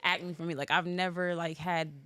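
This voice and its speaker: This podcast host, a woman from Norwalk, Connecticut, chats in a rambling, casual way, leaning heavily on "like." Her lowish voice barely moves in pitch, runs at a moderate pace, and sounds pushed and bright on a dry recording.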